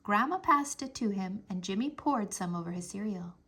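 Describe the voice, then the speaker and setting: A woman reading a children's chapter book aloud, narrating in an expressive, animated way. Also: mid-range voice, moderate pace, husky.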